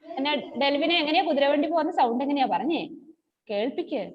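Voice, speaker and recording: Kindergarten teacher, woman, high voice, sing-song and coaxing; muffled lo-fi audio with long reverb. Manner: slow sing-song chanting, coaxing young pupils. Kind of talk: online class teaching.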